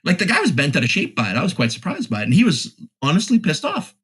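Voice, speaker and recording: A man in his forties, a plumbing contractor, telling animated stories on a podcast and acting out both sides of each conversation. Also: fairly high pitch, fast, husky. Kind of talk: casual podcast chat.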